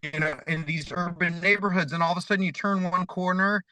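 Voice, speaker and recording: Podcast cohost from chicago, bright high voice, rambles with lots of you know. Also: male voice, steady tone, brisk, rough recording. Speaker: podcast co-host. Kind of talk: casual podcast chat.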